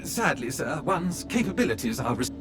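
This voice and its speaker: A man's voice: mid-range voice, big pitch swings, moderate pace. An actor playing a polite, fussy male butler robot in a video game, who speaks formally and calls his master sir in the third person. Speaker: butler droid. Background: game music.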